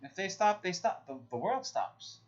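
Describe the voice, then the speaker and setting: A man's voice: high-pitched, sing-song, normal speed. A man co-hosting a casual podcast, talking loosely with swearing and calling his friend bro and dude. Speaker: podcast co-host. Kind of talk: casual chat. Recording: dull lo-fi sound.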